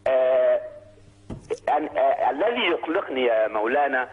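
A man's voice: medium pitch, expressive, normal speed. Egyptian man calling in over the phone. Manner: hesitant, many fillers and restarts. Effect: heard over the phone. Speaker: caller. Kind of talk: call-in question to a TV program. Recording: tinny phone line.

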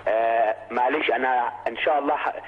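An Egyptian-accented man phones in to a broadcast, his voice thin and squeezed through a tinny phone line. He speaks at a middling pitch, haltingly, stopping and restarting as he works his way toward a question. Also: fairly even intonation. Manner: hesitant, many fillers and restarts. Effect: heard over the phone. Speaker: caller. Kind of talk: call-in question to a TV program.

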